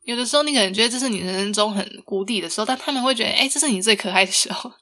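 A woman's voice: on the high side, very fast, bright, forceful tone. A young woman hosting a podcast, telling a personal story in a chatty way, laughing often and asking listeners rhetorical questions. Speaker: podcast host.

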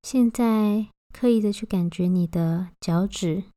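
语速缓慢、音色柔和的女性冥想引导. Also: female voice, mid-range voice, dry recording. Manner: gentle, unhurried instructing with long pauses. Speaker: meditation guide. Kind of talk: guided body-scan meditation.

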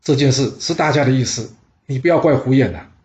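A man's voice: mid-range voice, fairly quick, darkish tone, natural voice. A man voicing an earnest male minister who pleads persuasively.

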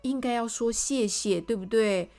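A woman reading a storybook aloud to children, animated and addressing the little listeners directly. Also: on the high side, normal speed, faint music behind.

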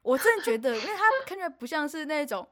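A young woman, co-hosting a podcast and telling a story in casual chat, animated and laughing often. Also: high-pitched, fast. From Taiwan. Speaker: podcast co-host.

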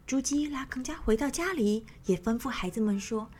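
A woman's voice: fairly high pitch, moderate pace, darkish tone. A woman narrating a children's story in a sing-song manner, speaking to young listeners. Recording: faint background music.

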